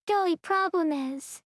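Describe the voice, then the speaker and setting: Giggly young woman streamer, really high voice, talks slow and bubbly. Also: no room sound. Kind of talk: casual gaming chat.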